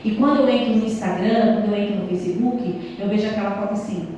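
In a small, echoey church hall, a woman in her thirties gives an earnest talk to married couples through a handheld mic, recorded by a distant camera. Her mid-range voice is fast with a dark tone, and there's slight background noise.

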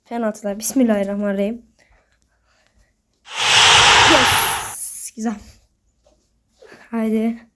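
A high-pitched woman talks her way through a football manager game. She is excitable and keeps scolding the players on screen. She also chats to her viewers as if they were friends. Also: moderate pace, heavy background noise. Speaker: gaming video host. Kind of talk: casual gameplay commentary.

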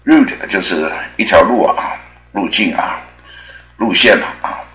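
A man teaching English pronunciation in a chatty, rambling way, with many drawn-out filler particles. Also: sits low, animated, pushed and bright, reverberant, low-quality recording. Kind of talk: spoken language lesson.

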